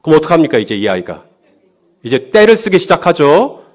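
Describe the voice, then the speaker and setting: A male pastor preaching a sermon, lively, firing rhetorical questions at the congregation and acting out quotes. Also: on the high side, a little fast.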